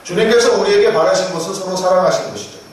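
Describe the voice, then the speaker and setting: A male pastor preaches a Sunday sermon, pressing his points with rising emphasis and repeated blessings for his listeners. His voice sits fairly high and rings through a very echoey sanctuary, recorded from a distance. A faint noise floor hums underneath. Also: lively intonation, fast. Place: church sanctuary. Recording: echoey church hall, mic at a distance.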